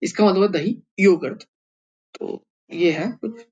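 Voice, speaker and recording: A man's voice: high-pitched, slow pace, a little mellow, dull audio. A man teaching a language lesson, patiently sounding out words syllable by syllable and repeating them for practice.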